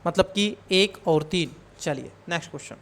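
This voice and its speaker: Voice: medium pitch, moderate pace. A coaching teacher explaining exam questions, who calls the students child and asks and answers their own questions.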